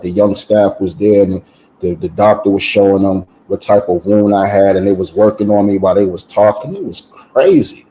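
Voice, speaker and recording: Low, mellow-voiced man telling his story. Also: slight background noise, rough recording. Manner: animated, repeats words and restarts with many "um"s. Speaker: guest giving a testimony. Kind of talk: casual personal storytelling.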